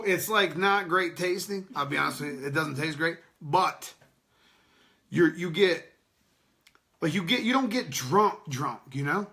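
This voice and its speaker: A man's voice: on the high side, creaky, bright, forceful tone. A man hosting an unscripted podcast, rambling loosely and swearing as he chats with viewers and laughs often. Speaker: podcast host. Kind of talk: unscripted casual chat with live chat readers.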